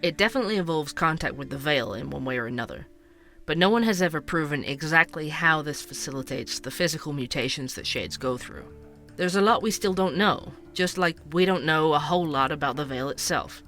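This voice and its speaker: An actor voices a curious, chatty male podcast host in a scripted audio drama of fiction narration and interviews, sounding wry, conversational, measured and explanatory. His voice is on the high side, a little fast, pushed and bright. Soft music plays behind him.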